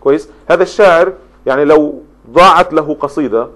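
A man's voice: on the high side, brisk, fairly bright tone. A man giving a spoken lecture on poetry, explaining step by step and running through long lists of examples. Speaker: literature lecturer.

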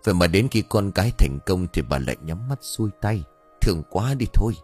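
A man's voice: deep voice, expressive, fairly quick, a little mellow, breathy edge, faint music behind. A man voicing a tearful village mourner lamenting the dead woman.

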